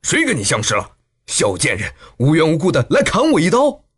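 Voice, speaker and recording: Narrator doing a coarse, swearing young fighter, audiobook. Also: male voice, on the high side, animated, fairly quick, a bit bright. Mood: gruff. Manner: gruff, cursing. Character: rough, cursing young male swordsman.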